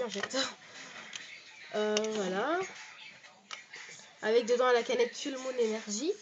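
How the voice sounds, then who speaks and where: A woman in her bedroom giving a casual show-and-tell of her toy collection, chatty and full of hesitations as she reels off prices. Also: fairly high pitch.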